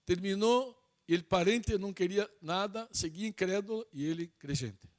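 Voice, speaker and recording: High-voiced man preaching a sermon. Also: moderate pace. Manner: mixes Portuguese and Spanish, emphatic repetitions.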